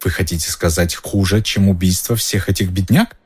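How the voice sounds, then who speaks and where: A man voicing a chatty, curious middle-aged female innkeeper in a raised, softened voice, reading an audiobook. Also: low-pitched, fairly even intonation, normal speed, husky, dry recording. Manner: gossipy, curious, lilting. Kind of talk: audiobook character voice.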